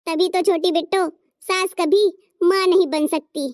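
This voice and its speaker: A woman voicing a patient young daughter-in-law in a cartoon story, who talks gently and gives advice. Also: very high voice, steady tone, a little slow, no room sound, clean studio sound. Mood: gentle. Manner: gentle, advising.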